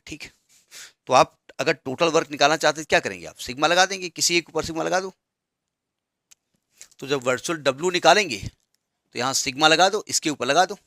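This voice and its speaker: A man's voice: fairly high pitch, bright, forceful tone, no room sound, studio quality. A man teaching maths in a board lecture, explaining step by step and repeating terms as he writes. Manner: mixes Hindi with English terms.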